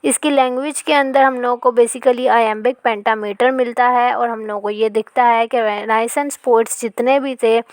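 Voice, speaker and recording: A woman teaching a literature lesson. She explains in Hindi, reads English passages slowly, and often checks in with "ठीक है". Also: a little high, steady tone, no echo.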